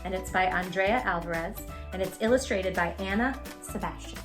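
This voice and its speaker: Hosting a children's read-aloud of picture books, a woman chats encouragingly with young listeners and asks them questions directly. Her mid-range voice moves at a moderate pace over background music.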